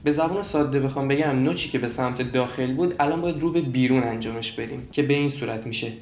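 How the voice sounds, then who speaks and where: A young man calmly explaining beatbox technique step by step, repeating points and demonstrating as he goes. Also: mid-range voice, roomy sound. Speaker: beatbox teacher.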